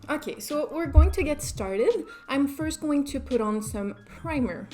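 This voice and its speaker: Having just woken up, a young French Canadian beauty vlogger chats casually through a makeup tutorial, easygoing and self-deprecating. Her voice is high and mellow with lively intonation, a little slow, and faint music plays behind her.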